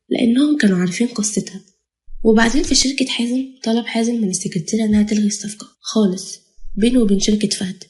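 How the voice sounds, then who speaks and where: A woman storyteller with an Egyptian accent, narrating a drama in a brisk, dramatic way. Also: medium pitch, warm tone.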